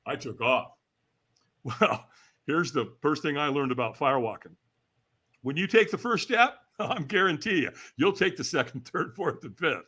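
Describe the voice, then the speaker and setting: A man's voice: fairly high pitch, sing-song, moderate pace, bright, forceful tone, husky. A man in his sixties from California, a podcast guest telling a story with energy, acting out the voices he quotes and laughing as he goes. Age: 60s. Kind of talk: animated storytelling.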